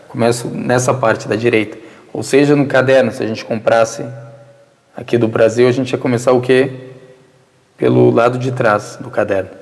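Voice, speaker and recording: A man's voice: mid-range voice, gravelly, a little mellow, long reverb tail. A man from Brazil with a Brazilian Portuguese accent giving an informal religious lesson, answering listeners' questions and often posing rhetorical questions that he answers himself. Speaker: religious teacher. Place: mosque prayer hall.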